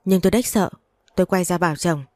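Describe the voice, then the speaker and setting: Low mellow-voiced woman narrating a story. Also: fast, no room sound, clean studio sound. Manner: dramatic first-person telling.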